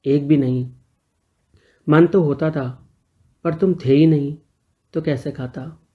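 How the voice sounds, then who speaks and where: A man's voice: a little high, fairly even intonation, slow, phone-quality sound. A man voicing a shy, teasing young man who asks playful, pleading questions.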